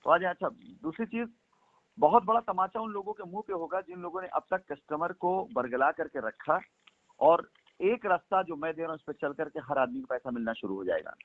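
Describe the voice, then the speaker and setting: Over a tinny phone line, a man speaking for a company presses his case in a persuasive call, insisting on his points and repeating them for emphasis. His voice is a little high and brisk, with no room sound.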